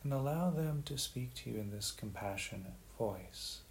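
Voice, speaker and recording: A man leading a guided meditation in a gentle, unhurried way, leaving long pauses. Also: mid-range voice, animated. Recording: faint background hiss.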